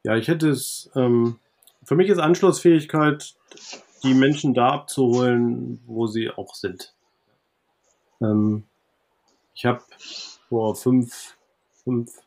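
A man talking as a podcast guest in a relaxed interview, thinking aloud with many fillers and restarts. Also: medium pitch, gravelly. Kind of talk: conversational interview.

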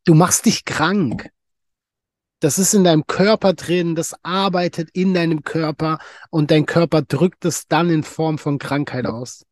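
A man's voice: a little high, fairly even intonation, unhurried, a little mellow, no echo. A man hosting a solo podcast monologue, emphatic and blunt, swearing freely and repeating phrases for effect. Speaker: podcast host.

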